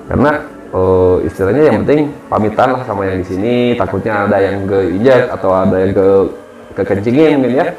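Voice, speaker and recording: A man's voice: lowish voice, brisk, muffled recording. A man, casually telling a ghost story as a guest and acting out the people he quotes. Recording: roomy echo with music behind.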